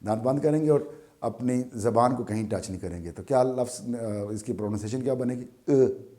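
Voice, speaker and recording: A man with a Pakistani Urdu accent teaching a beginner language lesson, slow and patient, repeating each sound many times. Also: mid-range voice, mellow.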